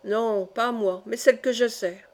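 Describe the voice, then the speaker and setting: A woman reading as a cold, calm masked stranger. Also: on the high side, unhurried. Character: calm masked male stranger, tall, cool and bitterly mocking.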